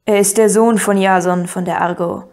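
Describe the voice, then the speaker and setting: A woman reading an audiobook, voicing a bearded warrior prince who speaks slowly and with amusement. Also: medium pitch, steady tone, a little mellow, natural voice. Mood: amused.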